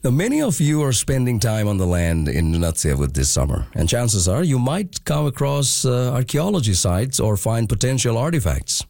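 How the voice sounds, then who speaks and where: A man from Bangladesh hosting a radio show, asking brief, calm questions and reading news links. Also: medium pitch, normal speed, creaky, few pauses, no room sound, studio quality. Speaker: radio host.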